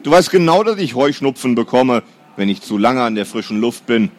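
A man's voice: medium pitch, expressive, a little fast, lightly acted. A man voicing a sulky, cheeky boy with a stuffed-up nose in a children's audiobook. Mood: grumbling. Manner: stuffy-nosed, sneezy.

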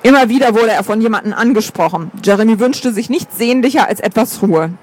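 A man narrating a story aloud with a notably high voice. His delivery is even and steady, the calm pace of a scripted audiobook reading. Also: a little fast.

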